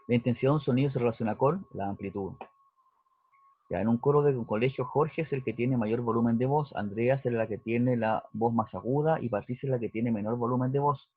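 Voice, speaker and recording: Teacher explaining over tinny audio. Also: male voice, medium pitch. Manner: explanatory, checks in with "¿cierto?" and "¿ya?". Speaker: physics teacher. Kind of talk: recorded lesson walkthrough. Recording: dry, husky, phone-like narrowband audio.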